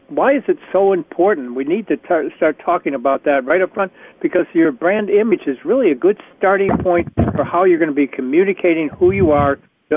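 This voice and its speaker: A fairly high-pitched man with a touch of rasp leads a career workshop by conference call, sounding chatty and encouraging and frequently starting his sentences over. The phone line sounds tinny.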